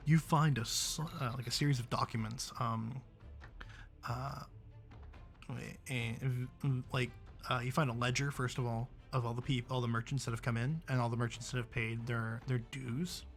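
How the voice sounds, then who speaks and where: A man's voice: mid-range voice, level tone, moderate pace, soft background music. A young man narrating as dungeon master, laid-back, chuckling often and full of fillers. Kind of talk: narrating a tabletop game.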